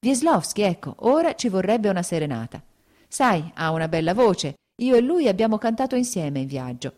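A woman voicing a cheerful tipsy gentleman. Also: lowish voice, sing-song, a little slow. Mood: cordial. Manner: effusive, expansive.

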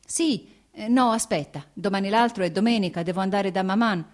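A woman's voice: mid-range voice, animated, brisk, darkish tone, lightly acted. A woman reading the lines of a proud young nobleman, clipped and tersely restrained. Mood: flustered.

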